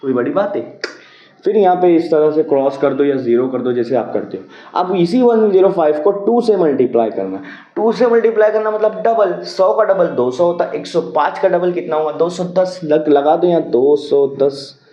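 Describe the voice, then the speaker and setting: A man's voice: a little high, animated, moderate pace, warm tone. A man teaching a maths lesson, patiently working through a problem step by step, often asking a question and answering it himself. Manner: patient, repeats key steps, asks and answers own questions. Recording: roomy, dull lo-fi sound.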